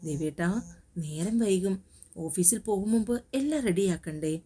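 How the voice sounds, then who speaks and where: An affectionate young wife, soft and coaxing with her husband, as a woman narrator reads her. The tone is mellow and warm-edged. It sounds like a spoken romance storybook. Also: fairly low pitch, normal speed, breathy edge. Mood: tender. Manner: tender, coaxing.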